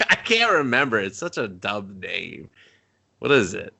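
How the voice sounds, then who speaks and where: With a lowish, gravelly voice that sounds pushed and bright, this man is very animated as he co-hosts a movie review podcast. He jokes his way through scene recaps in casual banter, quickly putting on voices to perform the characters' lines.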